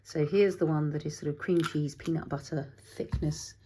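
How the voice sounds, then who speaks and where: A woman's voice: sits low, steady tone, moderate pace, warm tone, slight background noise. A middle-aged woman hosting a casual craft tutorial, chatting as she works, thinking aloud and talking to her materials, sometimes dropping to a whisper.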